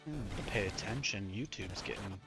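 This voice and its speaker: A man's voice: lowish voice, expressive, moderate pace, over music. A man giving casual, rambling, self-deprecating live commentary as he plays a video game. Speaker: game streamer.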